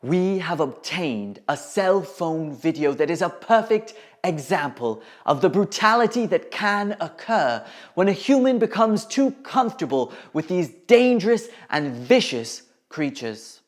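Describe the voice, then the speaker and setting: A woman's voice: lowish voice, big pitch swings, a little slow. A woman presenting a scripted mock nature documentary in a grave, dramatic manner. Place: studio. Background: background music.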